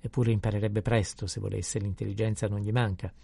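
A man's voice: lowish voice, little pitch movement, vocal fry, mellow, husky, dry recording. A man voicing a chatty, fussy middle-aged village priest in an audiobook reading. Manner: chatty, fussy, quick to scold.

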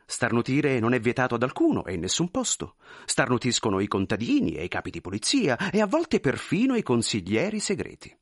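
A man narrates a literary story in a theatrical, expressive way. His voice is husky and moves through a very wide pitch range. The sound is dry and close. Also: fairly quick, hardly any pauses, dry recording. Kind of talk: scripted narration.

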